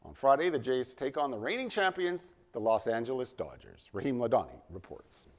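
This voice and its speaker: A man anchoring a TV newscast from the studio, reading script in a polished, lively way. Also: mid-range voice, fairly quick, heavy background noise. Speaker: news anchor.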